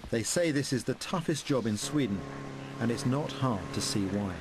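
Calm male documentary narrator. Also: mid-range voice, normal speed, noisy background. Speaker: presenter narrating.

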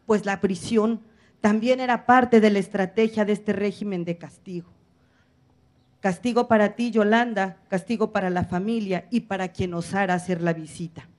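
A middle-aged woman speaks from a podium in a large hall. She reads her speech solemnly and stacks short phrases into steady, rhythmic lists. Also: medium pitch. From Mexico. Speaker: activist speaker at a public apology event. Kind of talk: formal speech read from notes. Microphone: podium microphone on a stand, filmed from afar.

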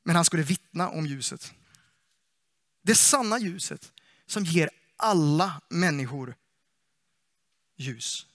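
Male preacher, high bright voice, lively and playful, dry close sound. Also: long pauses, no echo. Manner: lively, playful, asks the congregation questions. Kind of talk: sermon. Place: church.

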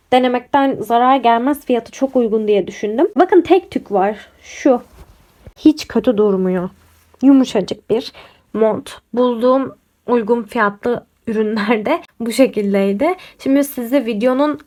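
A woman's voice: a little high, darkish tone. A young woman chatting casually to camera about clothes she bought, talking straight to her viewers, her voice a little off from being sick. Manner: chatty, addresses viewers directly, frequent fillers. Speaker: lifestyle vlogger. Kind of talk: casual haul and review chat to camera.

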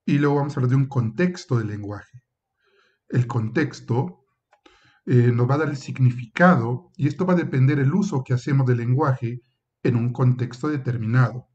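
In a muffled, lo-fi recording of a university lecture, a male professor explains point by point with an even, mid-pitched voice. Hesitant fillers like "eh" and "este" fill his pauses, and he occasionally slips into brief acted dialogues to illustrate his ideas.

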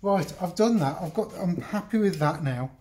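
A middle-aged English man chats his way through a woodworking job, breaking off his own sentences to talk straight to the viewer. His voice sits a little high, recorded on a phone set on the bench. Faint clicks and workshop noise sit behind him. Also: animated, moderate pace, a little mellow. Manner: chatty, rambling, self-interrupting, talks to the viewer. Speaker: woodworking video host. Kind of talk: casual workshop demonstration. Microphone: phone camera on the bench, moved around.

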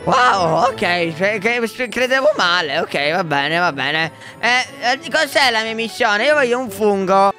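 A man voicing an excitable little boy who thinks he is Mario, shouting and apologizing by turns in a Minecraft roleplay. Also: high-pitched, unhurried, hardly any pauses, heavily acted. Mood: eager. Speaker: roleplay video maker. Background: background music.

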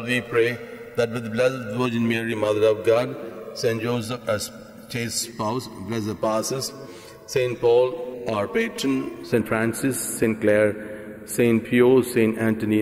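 A long, cathedral-like reverb carries the voice of a man in his sixties at a middle pitch. He is a priest reciting liturgical prayers. His phrasing is solemn, formal and measured. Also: darkish tone. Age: 60s. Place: indoor church altar. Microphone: gooseneck microphone at the altar. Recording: long reverberant church echo.

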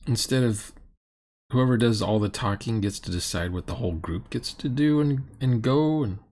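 In medium pitch and at a moderate pace, a middle-aged man comments on a tabletop roleplaying video. His tone is a little mellow, though what he says is blunt, sarcastic and exasperated.

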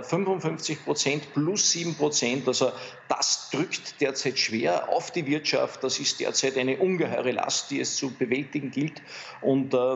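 A man, a pollster invited as studio guest, explaining survey results in a halting way full of fillers and restarts. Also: medium pitch, vocal fry, lo-fi sound, a little hiss or hum. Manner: hesitant, many fillers and restarts. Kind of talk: studio interview analysis.

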